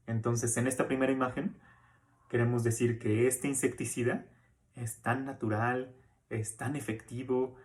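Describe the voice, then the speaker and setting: A man giving a recorded course lecture in a relaxed, conversational way, often checking in with tag questions and fillers as he explains. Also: medium pitch, normal speed. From Mexico. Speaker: university lecturer.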